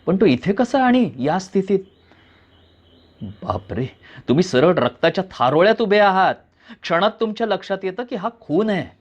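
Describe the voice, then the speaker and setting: Brief: male reader with a somewhat high voice, narrating a thriller with suspense, dull recording. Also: very animated, normal speed. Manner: suspenseful second-person narration. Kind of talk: dramatic story reading.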